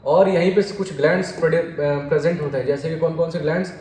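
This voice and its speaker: Fast and fairly even in intonation, this young man's voice is on the high side with a darkish tone. He teaches a biology exam lesson by asking and answering his own questions, repeating terms and saying "dekho bhai" often, in an echoey room with a faint hiss.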